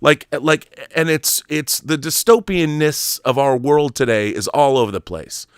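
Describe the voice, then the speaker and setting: A middle-aged American talk show host delivers a casual, opinionated monologue about films and society, stammering, repeating words, and often firing off emphatic rhetorical questions. His voice is a little high and measured, with a clean tone in a dry, studio-quality recording.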